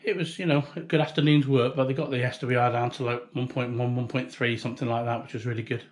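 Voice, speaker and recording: A British man in his fifties, a hobbyist video maker, talks quickly in a mid-range voice with fairly even intonation. His show-and-tell is chatty, unpolished and rambling, filmed on a handheld camera or phone outdoors beside a house on a breezy day.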